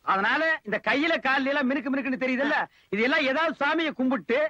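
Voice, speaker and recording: A mocking, bossy fake beggar who snaps insults at everyone in a film comedy. His voice sits very high and sounds bright and forceful. The sound is dull, like an old lo-fi film soundtrack. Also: quick pace, dry recording. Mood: lecturing. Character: sharp-tongued man posing as a beggar.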